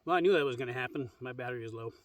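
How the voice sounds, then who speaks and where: An easygoing man talks through his outdoor camp dinner, rambling with fillers. He records on a phone camera in the open air. His voice sits a bit distant from the mic, at an average pitch for a man. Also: rapid-fire, no room sound. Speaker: vlogger. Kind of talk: casual camping vlog. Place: outdoors at a campsite on a cliff edge.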